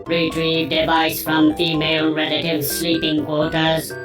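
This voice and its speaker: A man's voice: on the high side, completely flat delivery, measured pace, natural voice. An actor playing a hulking iron wild man who speaks like a glitching robot, in clipped mechanical phrases broken by beeps and error calls. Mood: cold, mechanical. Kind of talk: video game voice acting. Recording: echoey distant game audio with music behind.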